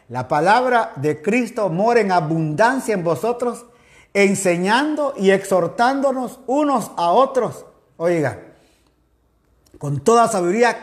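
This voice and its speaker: Man preaching, high voice, fervent, exclaims often, speaks straight to listeners. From Ecuador. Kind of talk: sermon.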